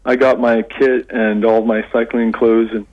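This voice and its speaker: A Canadian man, middle-aged, talking as a phoned-in radio guest, halting with many restarts and fillers. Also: medium pitch, little pitch movement, lo-fi sound. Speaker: radio guest, English lecturer.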